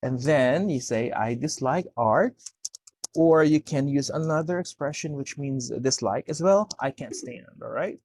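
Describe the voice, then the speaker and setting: A man's voice: mid-range voice, a little slow, darkish tone, dry recording. A man tutoring English one-to-one, explaining corrections step by step and checking understanding with "okay?". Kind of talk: one-to-one speaking lesson.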